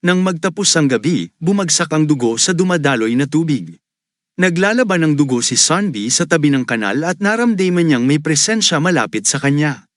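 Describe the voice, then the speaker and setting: Guy narrating a comic recap, steady, kinda high voice, super dry. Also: moderate pace, no echo.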